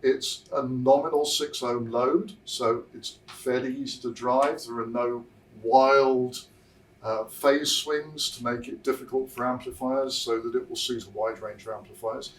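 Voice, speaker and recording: A loudspeaker designer presents a product informally to visitors in an indoor demo room at a hi-fi show. He speaks in a medium-pitched voice with fairly even intonation, measured and explanatory, pausing mid-thought. The recording is roomy and distant, with a noisy show room around him.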